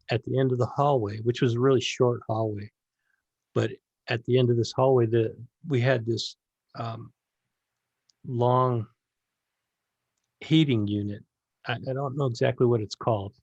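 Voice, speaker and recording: Male podcast host, gravelly voice, meandering casual storyteller, lo-fi close mic. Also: mid-range voice, a little mellow, dry recording. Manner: rambling, storytelling, frequent restarts. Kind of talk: casual conversation.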